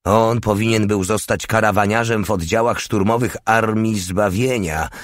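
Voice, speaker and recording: A man's voice: on the low side, fairly even intonation, moderate pace, no echo, pitched above the performer's own voice, natural voice. A man reading a crude, mocking male soldier with a scornful, sneering manner.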